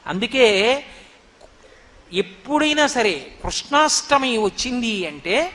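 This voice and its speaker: A male preacher telling devotional stories in an animated, lively way. His voice is very high and bright. A long hall reverb follows each phrase. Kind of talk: devotional storytelling discourse.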